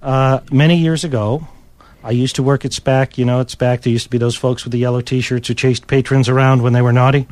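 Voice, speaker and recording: A man's voice: mid-range voice, level tone, fairly quick, darkish tone, no room sound. A man working as a radio DJ, telling a rambling anecdote in casual on-air chat from a studio. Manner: rambling anecdotal storytelling with chuckles. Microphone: studio microphone.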